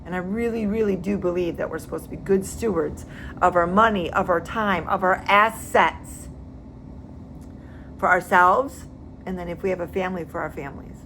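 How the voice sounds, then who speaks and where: A woman's voice: fairly low pitch, moderate pace, creaky, fairly bright tone, a little hiss or hum. A woman real estate agent giving casual advice, emphatic and repeating words for stress.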